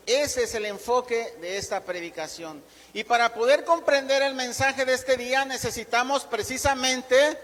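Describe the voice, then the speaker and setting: Male pastor, high pitch, emphatic sermon delivery, long hall reverb. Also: fairly bright tone. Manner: emphatic, slows down to dictate points. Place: church sanctuary.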